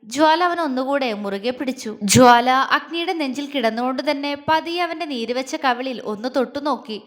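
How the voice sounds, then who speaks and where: A woman narrating a romantic family story in a steady, expressive reading. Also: high-pitched, normal speed. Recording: long reverb.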